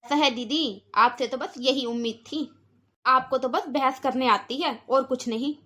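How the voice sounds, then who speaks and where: A woman's voice: high-pitched, unhurried. A woman playing a scolding, stingy aunt. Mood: dismissive. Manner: lecturing, sharp-tongued. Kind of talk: cartoon voice acting.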